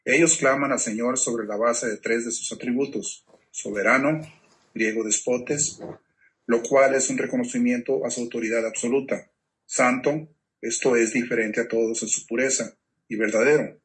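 A man's voice: mid-range voice, steady tone, moderate pace, fairly bright tone. A man from a Bible study class reading a numbered point aloud, steadily.

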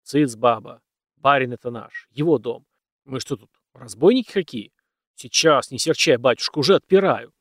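A man's voice: sits high, sing-song, normal speed, dry recording, clean studio sound, voice pushed up. A man voicing a cautious, dutiful old male house servant who speaks in a plain, folksy way. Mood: nervous, dutiful.

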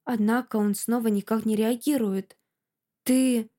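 Expressive woman reading an audiobook. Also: on the high side, normal speed. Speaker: audiobook narrator. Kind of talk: first-person audiobook narration.

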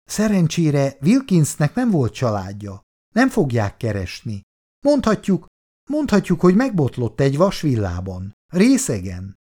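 A male narrator voicing a blunt female colonist with a sharp delivery. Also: fairly high pitch, huge pitch swings, pitched above the performer's own voice.

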